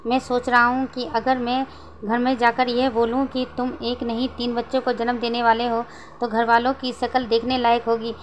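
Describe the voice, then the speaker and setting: A doting young husband, teasing and protective, read out by a woman narrator in a storybook retelling. The voice sits high and stays level, with little rise and fall, and a faint hiss behind it. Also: little pitch movement, normal speed, lightly acted. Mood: fond, teasing.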